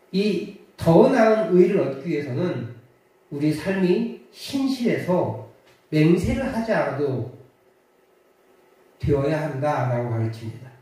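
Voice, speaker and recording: A male pastor delivers a sermon in a lively, up-and-down voice, often pausing with hesitant fillers as he tells a story. The sound is very echoey, picked up from a distance in a church sanctuary. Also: on the high side.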